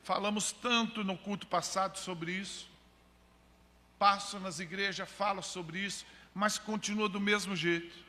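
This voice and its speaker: A man preaches in a church hall, his voice ringing and sharp in the upper register. He drives each point home emphatically and keeps turning to his listeners as brothers. A long reverb trails every phrase. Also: high-pitched, fairly even intonation, measured pace. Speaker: missionary preacher. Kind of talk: sermon.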